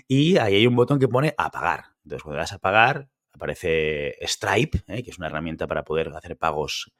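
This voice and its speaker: A man's voice: low voice, dry recording, clean studio sound. A man from hosting a casual podcast, chatty and tagging his sentences with a questioning "eh". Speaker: podcast host.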